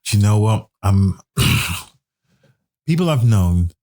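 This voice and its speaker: A man's voice: on the low side, animated, takes it slowly, darkish tone. A man who is a gaming expert guest on a podcast, explaining earnestly in casual talk and murmuring agreement while the host speaks.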